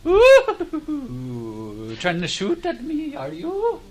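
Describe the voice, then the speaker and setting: A man's voice: very high-pitched, wildly swooping pitch, very slow, voice pushed up, heavily acted. A man voicing a creepy, mocking little clownish villain in a tabletop role-playing game. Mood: mocking, taunting. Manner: mocking, leering.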